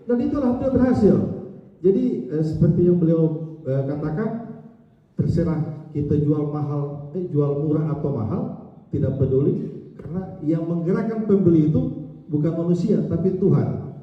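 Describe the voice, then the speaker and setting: A man delivers a relaxed, humorous tribute, often laughing and slipping into quoted dialogue. His voice sits slightly high. It is caught from a distance in a large reverberant hall, with a dull, muffled sound. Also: moderate pace. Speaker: speaker giving a farewell tribute. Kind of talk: casual speech.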